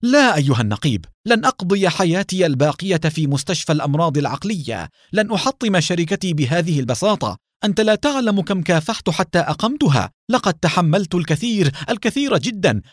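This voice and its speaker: A man voicing an anguished wealthy man with a split personality, pleading and shouting defiantly in a radio-style story reading. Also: medium pitch, lively intonation, brisk, dry recording, studio quality, lightly acted. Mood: furious.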